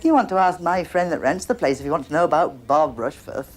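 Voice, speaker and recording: An actress playing a blunt local cleaner, scornful and gossipy. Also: female voice, deep voice, lively intonation, brisk, slight background noise. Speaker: office cleaner.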